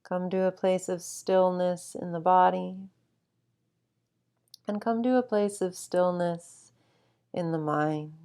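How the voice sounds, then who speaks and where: A woman guiding a sleep meditation with calm, soothing instruction and long, unhurried pauses. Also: on the low side, smooth. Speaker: meditation guide.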